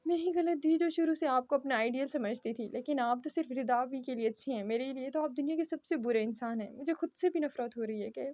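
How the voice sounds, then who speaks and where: A heartbroken young wife, read by a woman, pleads and reproaches in this storybook reading. The voice sits high. The sound is dry and close. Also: brisk, hardly any pauses, a little mellow, no room sound, lightly acted. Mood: tearful, accusing.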